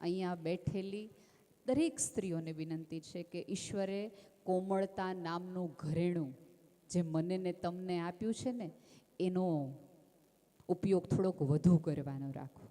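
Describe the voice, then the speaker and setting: A woman giving a gentle, calm inspirational talk from a stage, telling stories and calling her listeners friends. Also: on the low side, a little slow. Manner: intimate, addresses listeners as friend. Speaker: speaker at a community religious festival. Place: stage at a large festival gathering. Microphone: stage microphone with PA. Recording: long reverb of a large venue.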